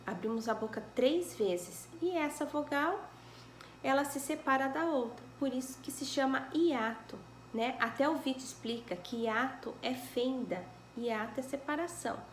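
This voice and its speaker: A woman's voice: high-pitched, echoey room, a little hiss or hum. A woman primary school teacher with a Brazilian accent, patiently correcting homework in a recorded lesson and checking in with the children as she goes. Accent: Brazilian Portuguese. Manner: patient, explains slowly, checks with "né?" and "tá bom?".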